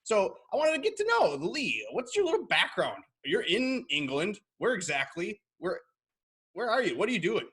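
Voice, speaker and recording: A man's voice: sits high, huge pitch swings, moderate pace, a bit bright, husky. A man hosting a podcast from his home garage, chatting in an upbeat, jokey way over a video call. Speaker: podcast host. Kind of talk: casual interview chat.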